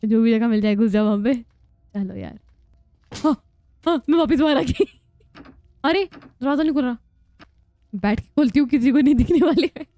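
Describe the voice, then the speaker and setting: A woman's voice: high-pitched, normal speed, long pauses, warm tone, dry recording. A young woman giving casual, joking gameplay commentary, chatty and prone to squealing laughs when scared. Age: young adult. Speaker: gaming vlogger.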